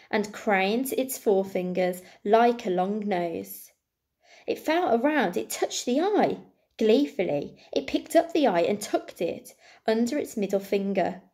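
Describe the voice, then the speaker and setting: Reading a storybook to children, a woman performs expressively like a primary school teacher, using deliberate dramatic pauses and emphasis. Her voice is mid-range with a darkish tone.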